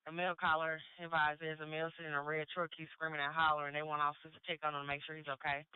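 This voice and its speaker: A man's voice: on the high side, completely flat delivery, rapid-fire, clean tone, no echo. A man working as an emergency dispatcher, reading out police and fire calls over radio in a clipped, procedural way. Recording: narrow-band two-way radio.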